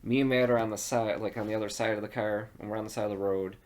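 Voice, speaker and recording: A man's voice: fairly low pitch, fairly even intonation, rapid-fire, a little mellow. A man, co-hosting a podcast and telling a rambling, profane story in casual chat. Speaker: podcast co-host.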